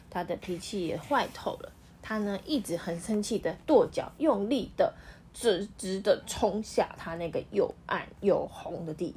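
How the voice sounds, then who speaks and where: A woman reading a picture book aloud to her child at home, pausing to ask the child questions as the story goes. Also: on the low side, slight background noise. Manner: lively, questioning the child as she reads.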